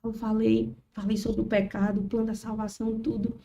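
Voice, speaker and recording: Far from the mic, with dull audio and a bit of hiss or hum, a woman speaks on the high side, a little fast and creaky. She's a children's ministry worker on a podcast, giving a church testimony in a casual chat and animatedly acting out quotes from the people involved.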